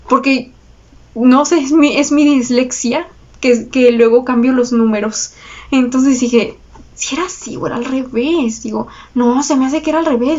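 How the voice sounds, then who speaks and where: Chatty Mexican woman, slightly high voice. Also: darkish tone, highs cut off. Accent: Mexican Spanish. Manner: chatty and confessional, slangy, with frequent laughs and tag questions. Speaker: astrology channel host. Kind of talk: casual personal storytelling to viewers.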